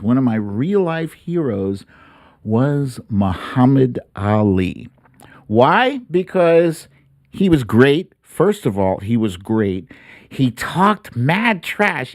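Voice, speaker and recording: Dry and close, the recording captures a middle-aged man's mid-range voice as he hosts a laid-back livestream indoors at his home studio, using a broadcast mic on a boom arm. He's animated and colloquial, chatting with viewers in salty street-talk.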